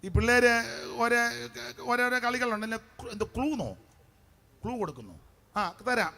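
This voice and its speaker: A middle-aged man preaching a revival crusade sermon as pastor, fiery and shouting praise between chatty asides. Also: very high-pitched, animated, normal speed.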